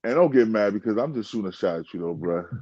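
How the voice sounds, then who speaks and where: Husky, animated man in a podcast chat. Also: fairly low pitch, fast, dry recording, highs cut off. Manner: animated, interrupting, swears.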